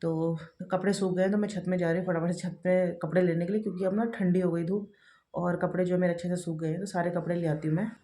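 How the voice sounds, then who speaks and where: Her voice fairly low and dark, with fairly even intonation and a fast pace, a mother of two in her thirties chats through her daily home vlog. She repeats herself while handling chores in the kitchen and other rooms.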